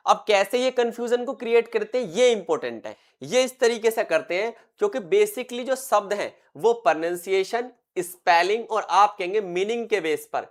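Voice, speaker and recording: A man teaching an exam-prep lecture, constantly asking the class questions, answering them himself, and repeating key terms for emphasis. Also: high voice. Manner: quizzes students constantly, answers his own questions.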